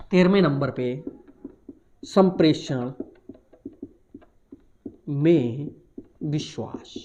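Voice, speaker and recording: High-voiced Indian man teaching commerce. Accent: Hindi-speaking Indian. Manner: explains point by point, slow emphatic words, asks and answers himself. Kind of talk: recorded online lecture.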